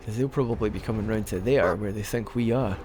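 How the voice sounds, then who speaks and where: A man's voice: on the low side, fast, darkish tone, slight background noise. A young man giving rambling, casual commentary over a game he is playing, hiccuping now and then. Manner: chatty and rambling, with frequent restarts. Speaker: let's play commentator.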